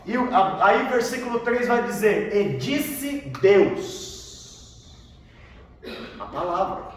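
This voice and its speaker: This Brazilian pastor speaks slowly in a high voice with big swings in pitch, teaching a theology class on the Bible and quizzing his students, often echoing their answers back. His Brazilian Portuguese accent comes from far off in a large, echoey room full of students, with faint background noise.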